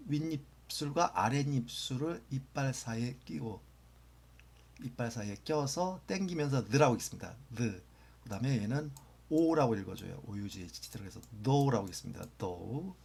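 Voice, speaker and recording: Gravelly-voiced male English teacher. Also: medium pitch, a little mellow. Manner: patient, repeats phrases slowly, drops to near-whisper for examples. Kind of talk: explaining grammar in a lecture.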